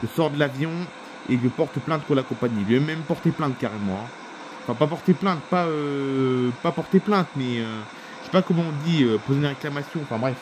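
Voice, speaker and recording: A man's voice: medium pitch, a little fast, background noise, close to an everyday voice. A man voicing an irate airline passenger in a homemade toy-figure film, complaining indignantly and repeating himself.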